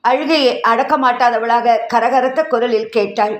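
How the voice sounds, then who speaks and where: A woman reading a story aloud in a steady, expressive way as narrator. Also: a little high, a little slow. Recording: roomy echo.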